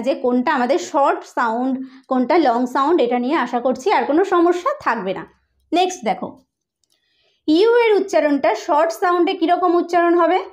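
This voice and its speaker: A woman teaching a lesson on English pronunciation, explaining step by step and often asking if it is clear. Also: high voice, darkish tone.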